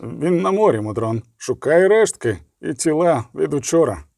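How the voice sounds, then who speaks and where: A man doing a low, humbled warrior jarl. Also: expressive, moderate pace, gravelly, darkish tone, dry recording, studio quality. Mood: subdued. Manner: low, subdued, solemn.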